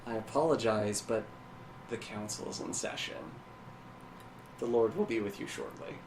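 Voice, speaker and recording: A man's voice: moderate pace, roomy sound, far from the mic, background noise, natural voice. A man voicing a gaunt male dwarf attendant who sounds weary and drained of energy. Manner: weary, low, deflated delivery.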